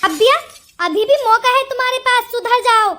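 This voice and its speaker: A woman's voice: extremely high pitch, normal speed, bright, forceful tone. A woman voicing an angry young ex-wife in a Hindi cartoon story, blunt and accusing. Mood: scolding. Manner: scolding, accusing.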